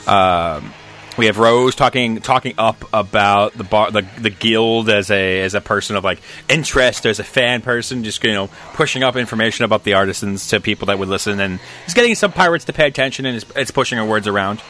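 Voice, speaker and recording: Male game master, bright voice, loose rambling narration. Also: lowish voice, a little fast, faint music behind. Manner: loose, rambling, many restarts.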